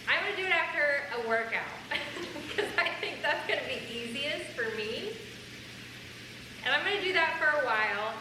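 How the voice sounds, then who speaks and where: A woman hosting a casual vlog, explaining things enthusiastically to viewers. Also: a little high. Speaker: host of a family vlog. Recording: echoey room with faint background noise.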